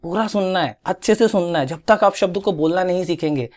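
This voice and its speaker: A man's voice: high-pitched, fairly quick. A young Indian man giving an exam-prep English grammar lesson, coaxing students to repeat words after him and correcting their pronunciation. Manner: animated, coaxing, drills pronunciation with repetition. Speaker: English teacher.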